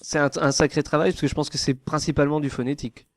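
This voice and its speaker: A man's voice: fairly high pitch, level tone, fast, dry recording. A man hosting a casual podcast interview, talking with many fillers and restarts. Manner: hesitant, lots of fillers and restarts. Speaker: podcast host.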